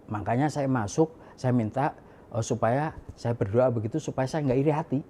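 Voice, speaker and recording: A middle-aged man telling a personal story in a casual, chatty way, repeating himself and laughing softly now and then. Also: medium pitch, normal speed, slight background noise. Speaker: guest sharing his testimony.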